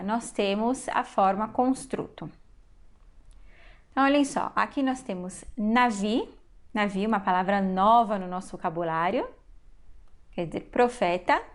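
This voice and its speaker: A woman, a language teacher in a recorded video lesson, who explains patiently and step by step to her viewers. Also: on the high side.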